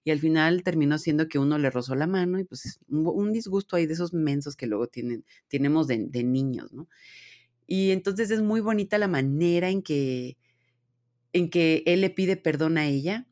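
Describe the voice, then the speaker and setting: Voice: medium pitch, normal speed, darkish tone. A podcast host in their thirties with a Mexican accent, chatting casually and animatedly about an anime, full of slang and fillers. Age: 30s. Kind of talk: casual anime review chat.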